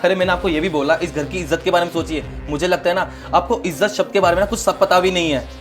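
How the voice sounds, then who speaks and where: A man playing a fast-talking, exasperated young brother-in-law. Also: high voice, soft background music, natural voice. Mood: exasperated refusal. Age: young adult. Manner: earnest, exasperated, scolding.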